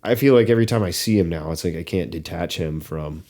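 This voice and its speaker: A young adult man co-hosting a podcast, talking casually about a movie with many pauses, fillers and restarts. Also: low-pitched, mellow. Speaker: podcast co-host.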